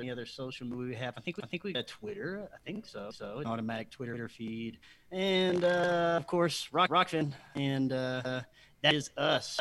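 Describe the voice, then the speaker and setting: A man's voice: medium pitch, a bit bright. A man joining a podcast over a remote call whose audio keeps breaking up into glitchy stutters, talking in a hesitant way with many restarts. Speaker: podcast guest. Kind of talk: casual podcast chat. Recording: glitchy internet call with clicks.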